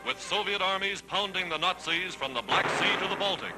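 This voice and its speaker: Man, old 1940s newsreel narrator, high-pitched, emphatic, declamatory, over loud music. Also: brisk, low-quality recording. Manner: emphatic, declamatory announcer delivery. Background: loud orchestral music.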